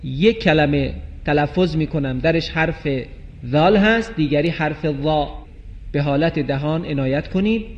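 Man teaching letter pronunciation, reverberant lo-fi. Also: a little high. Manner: slow drawn-out chanted recitation of example words; clear explanatory teaching tone, addressing viewers. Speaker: Quran recitation teacher. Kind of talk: tajweed pronunciation lesson. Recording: dull lo-fi recording with long reverb.

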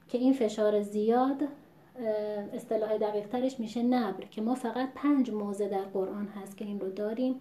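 A woman teaching Quran recitation, explaining pronunciation patiently and modeling example words slowly. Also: a little high, warm tone. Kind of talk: spoken tutorial with recited examples. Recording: echoey room.

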